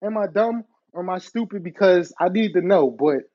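A high-voiced man rants through a storytime episode, exasperated and swearing freely as he keeps turning to ask his listeners for their opinion. The recording is dull and lo-fi. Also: lively intonation, normal speed. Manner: exasperated, profane, addresses listeners directly. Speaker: podcast host. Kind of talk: storytime rant. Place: apartment.

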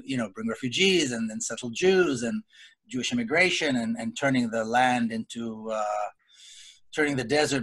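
A middle-aged man, speaking earnestly as a panelist in a webinar discussion. He talks deliberately, with frequent pauses and restarts. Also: medium pitch, husky. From Israel. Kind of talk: personal account in a webinar discussion. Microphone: video call.

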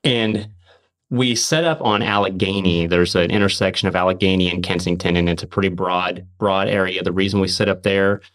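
A man's voice: low-pitched, steady tone, fairly bright tone. A man on a podcast telling an earnest faith testimony, emphatic, often restarting and repeating words. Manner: emphatic, fast and repetitive restarts. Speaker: podcast host.

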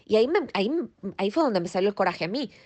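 A woman's voice: medium pitch, animated, quick pace, a little mellow. A middle-aged woman with a Mexican Spanish accent, a property manager talking bluntly and emphatically in a casual interview, mixing in English words.

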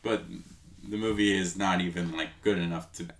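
A man's voice: low-pitched, steady tone, brisk. A man co-hosting a casual movie discussion, rambling with lots of "like" and "um". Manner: rambling, many fillers like "like" and "um". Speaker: podcast co-host.

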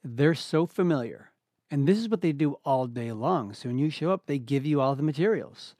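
A man hosting an interview, chatting in a relaxed way with plenty of casual fillers. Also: mid-range voice, moderate pace, no room sound, studio quality. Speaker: podcast host. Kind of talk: casual conversation.

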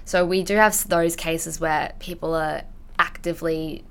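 In a conversational podcast interview, an Australian woman in her twenties who works as an intellectual property investigator speaks candidly and informally. Her voice is deep and smooth, with fairly even intonation at a normal speed.

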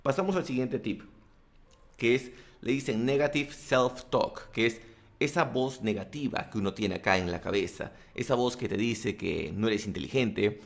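Man, motivational vlog monologue, blunt crude slang, animated asides, mid-pitched voice. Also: normal speed, creaky. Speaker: self-help vlogger and coach. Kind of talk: motivational talking-to-camera monologue.

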